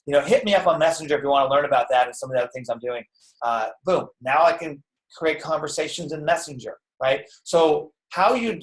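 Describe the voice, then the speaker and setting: Man, slightly high-pitched, casual and energetic trainer; echoey room sound. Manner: energetic and chatty, full of "okay" and "right". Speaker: network marketing trainer. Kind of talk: casual live-stream training talk.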